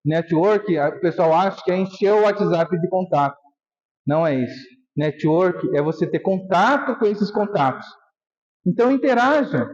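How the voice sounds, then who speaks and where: A man's voice: sits high, animated, normal speed, darkish tone, long reverb tail. A man giving an emotional motivational talk on stage, telling his story and acting out remembered scenes. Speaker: motivational speaker. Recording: dull lo-fi live stage recording.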